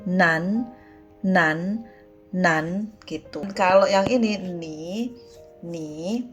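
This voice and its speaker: A woman's voice: on the low side, extremely slow, over music. A woman with an Indonesian accent teaching Mandarin pronunciation in a casual online lesson, repeating syllables to drill viewers.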